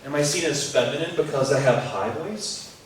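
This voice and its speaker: A performer and music educator delivers a reflective spoken monologue, telling it earnestly, in a fairly high voice at a moderate pace. The recording is echoey, with a distant mic, faint music, and a little hiss or hum.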